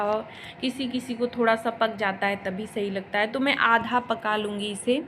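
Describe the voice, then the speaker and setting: A woman vlogger from India talks through her day at home in a friendly, explaining manner, her voice sitting a little high. She sounds like a mother chatting casually to her viewers over a voice-over, with faint ambient hiss underneath. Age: adult mother. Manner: chatty and explanatory, with homely asides. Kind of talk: casual voice-over narration of a home cooking and cleaning vlog.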